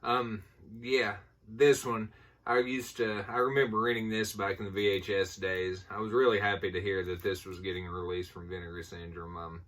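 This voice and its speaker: Low-voiced man with Appalachian hillbilly accent. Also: level tone, moderate pace, fairly bright tone. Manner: folksy, informal. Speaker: movie collector showing a haul. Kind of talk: casual rambling haul vlog. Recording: voice distant from the mic.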